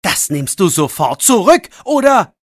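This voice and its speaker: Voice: medium pitch, very animated, unhurried, dry recording, studio quality. A narrator voicing a defensive young teenage boy who argues back in a learner's audiobook. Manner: defensive, pleading. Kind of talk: audiobook role voice.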